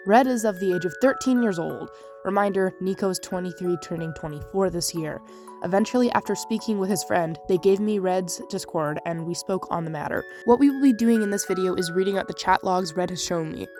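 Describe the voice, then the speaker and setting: A woman hosting a commentary channel, narrating in a blunt, scornful way. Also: on the low side.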